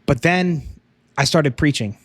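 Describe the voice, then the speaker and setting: A man's voice: fairly high pitch, a little slow, slightly rough, no room sound. A young man co-hosting a faith podcast, telling his testimony in an earnest, casual way with frequent "um" and "like". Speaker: podcast co-host.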